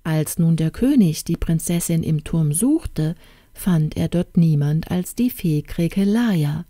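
Woman audiobook narrator, fairy tales, calm and measured; very slow, dark. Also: low voice, dry recording, studio quality. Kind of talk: scripted fairy-tale narration.

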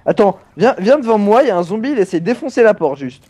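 A man's voice: high-pitched, very animated, fast, darkish tone, husky. A young man hosting a casual let's play, chatting playfully with many fillers. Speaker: gaming channel host.

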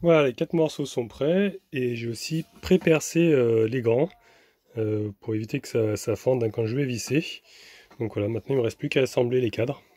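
A man's voice: medium pitch, moderate pace, warm tone, no echo. Chatty man narrating a DIY build. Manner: chatty, many fillers and restarts, talking while working. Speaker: vanlife vlogger. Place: workshop and camper van roof, outdoors.

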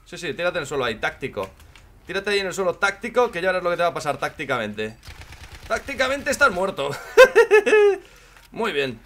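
A man from with a hoarse voice, commenting on his own gameplay in casual chat, joking and swearing a lot. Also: a little high, sing-song, fast. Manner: swears a lot and jokes, shouts when in danger.

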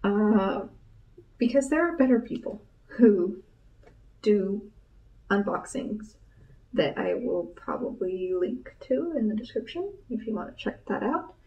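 A young adult American woman hosts a casual vlog chat in a library study room, her mid-range voice animated and at a measured pace. She keeps her voice down without whispering, sounds slightly muffled by a mask, and is picked up from a distance by a camera across the table.

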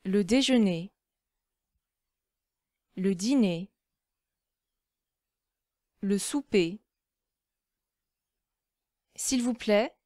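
Slow, clearly paced woman reading vocabulary. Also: medium pitch, darkish tone, no room sound, studio quality. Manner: reads isolated words and phrases with pauses. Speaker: language teacher.

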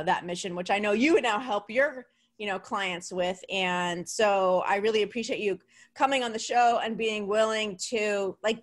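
A woman hosting a casual podcast interview, chatty and quick to laugh, with casual swearing. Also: medium pitch. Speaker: podcast host.

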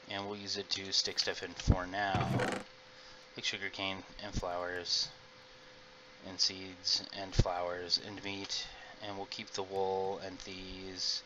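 Low-voiced guy chatting thru his let's play, rambly, kinda noisy recording. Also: bright, forceful tone. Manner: chatty, rambling, talks to viewers. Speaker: gaming video host. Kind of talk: casual let's-play commentary. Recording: noisy home mic recording.

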